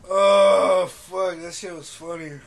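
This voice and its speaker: Sweary man chatting, slightly high voice. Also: steady tone, slow pace, gravelly, slight background noise. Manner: sweary, slangy. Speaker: podcast host. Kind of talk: casual chat.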